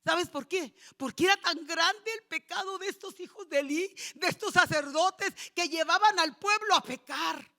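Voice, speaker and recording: A woman pastor preaching a sermon, animated and acting out the voices she quotes. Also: very high voice, moderate pace, few pauses.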